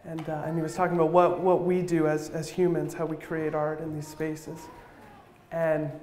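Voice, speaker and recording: A man's voice: a little high, level tone, moderate pace, a little mellow, reverberant, a little hiss or hum. A man giving a sermon in the form of spoken word poetry, with a rhythmic, rhyming slam delivery. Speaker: church speaker. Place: church hall.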